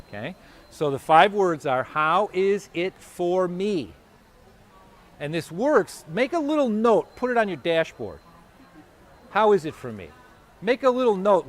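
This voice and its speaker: Animated man giving a live talk. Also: a little high. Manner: animated, conversational, acts out his own inner voice. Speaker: motivational speaker. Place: expo hall or venue.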